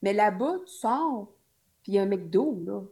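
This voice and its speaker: A woman's voice: medium pitch, expressive, normal speed, a loud crowd. A woman with a Québécois French accent, a podcast guest telling travel stories in casual chat, with jokey asides. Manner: chatty storytelling, jokey asides.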